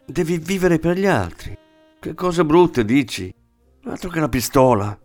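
A man voicing a young woman, a warm and earnest exile, pleading gently, over faint music. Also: on the high side, animated, measured pace, no room sound, pitched above the performer's own voice. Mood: reproachful.

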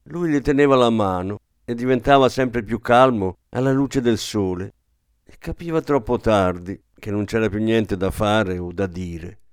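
Man narrating an audiobook, calm and measured, smooth resonant voice, dry close mic. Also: on the low side, no echo. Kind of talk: scripted narration.

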